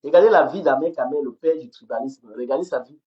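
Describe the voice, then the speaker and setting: A woman's voice: low voice, fairly quick, lo-fi sound. Heated woman ranting on a phone live. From Cameroon. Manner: heated, repetitive, stammers on words. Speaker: livestream host. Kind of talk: angry livestream rant. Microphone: phone camera.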